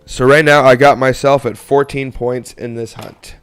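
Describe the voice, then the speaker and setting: A young man from Canada chats away to his livestream viewers while sorting through coins. His voice is smooth and clear, sitting at an ordinary middle pitch. He talks upbeat and rambling, with plenty of asides. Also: steady tone, moderate pace, faint music behind. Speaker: coin roll hunting livestream host. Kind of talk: casual live-stream chat while sorting coins.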